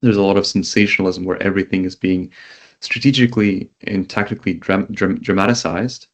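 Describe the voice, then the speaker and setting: Deep-voiced man answering interview questions. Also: steady tone. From Israel. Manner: measured, lists items one by one. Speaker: company CEO guest. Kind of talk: interview answers over a call.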